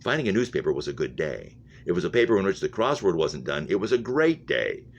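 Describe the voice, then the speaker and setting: Quick and very animated, a low-pitched male reader works through a novel, stumbling over the occasional word and doubling back on phrases. He teaches English. The recording is muffled, lo-fi and humming.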